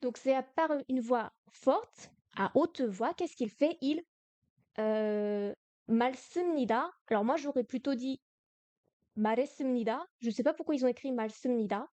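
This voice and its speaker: High-voiced woman teaching Korean in French. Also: warm tone, no room sound. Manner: explains slowly, repeating words and correcting herself. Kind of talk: live-streamed Korean lesson in French.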